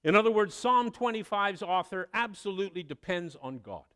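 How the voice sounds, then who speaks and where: A man preaching a sermon, telling a story with expressive delivery and dramatic pauses. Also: high-pitched, clean tone. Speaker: pastor.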